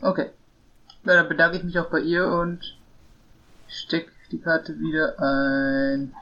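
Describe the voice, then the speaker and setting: A man's voice: fairly high pitch, fairly even intonation, slow pace, lo-fi sound. A man playing a tabletop game, speaking in an easygoing, joking way as he plays his character. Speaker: player.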